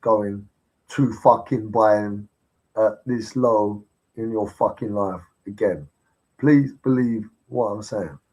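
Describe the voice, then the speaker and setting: A man's voice: fairly low pitch, slow pace, a little mellow, poor audio. A man ranting on a casual livestream, blunt and insistent, swearing heavily as he pushes his point. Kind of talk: casual live-stream rant.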